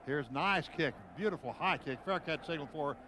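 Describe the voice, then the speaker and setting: An American man calls live radio football play-by-play in clipped phrases, describing the action as it unfolds. His voice is a little high and a little fast. Clear stadium noise sits behind the broadcast.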